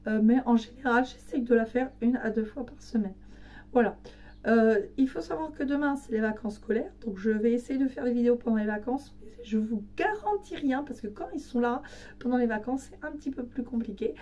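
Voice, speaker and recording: Hoarse, raspy woman with a weakened voice. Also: fairly high pitch, fairly quick, mellow, recorded from a distance. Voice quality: raspy, partly breathy voice from voice loss. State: hoarse, weak voice recovering from laryngitis. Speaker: home cleaning vlogger. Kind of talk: casual chat to camera.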